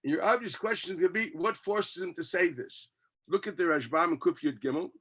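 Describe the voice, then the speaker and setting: A man's voice: sits high, brisk, fairly bright tone, breathy edge. A man gives a Talmud class as a rabbi, reading text and arguing through it with his own questions and answers.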